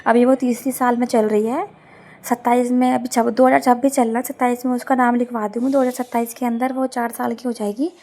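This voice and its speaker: In a casual, chatty home vlog, a young woman narrates her household chores in a fairly high voice made hoarse and heavy by a sore throat. Her delivery is flat, brisk and dark in tone as she rambles, grumbles and corrects herself along the way.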